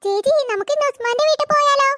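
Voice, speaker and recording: A performer voicing a cheeky, greedy little girl in a cartoon, whiny and wheedling. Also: rapid-fire. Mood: scheming. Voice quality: very high-pitched. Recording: loud background hiss.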